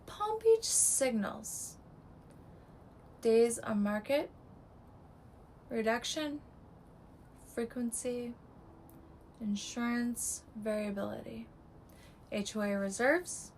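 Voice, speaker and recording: A woman's voice: on the high side, expressive, slow pace, long pauses, darkish tone, a little hiss or hum, low-quality recording. A woman real estate agent giving a scripted market breakdown in clipped, terse fragments, her voice strained and giving out.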